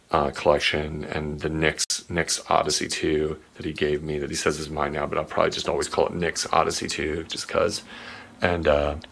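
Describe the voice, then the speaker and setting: A man in his forties giving a rambling late-night tour of his game and art room in a low, sleepy voice, with many ums and uhs. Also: vocal fry, fairly bright tone, husky. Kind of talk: rambling home tour narration.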